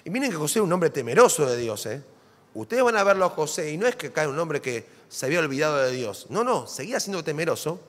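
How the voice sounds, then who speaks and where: Argentine pastor guy preaching, higher voice that swings all over, long church reverb. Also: quick pace. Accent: Argentine Spanish. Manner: dramatic, animated preaching with rhetorical questions. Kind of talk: sermon. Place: church sanctuary. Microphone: stage microphone.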